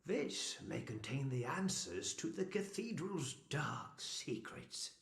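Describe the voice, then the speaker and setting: Very old monk, protective and weary, gravelly and animated, game dialogue in a roomy space. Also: male voice, a little high, slow, full character voice. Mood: grave warning. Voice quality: aged, creaky. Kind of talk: video game voice acting.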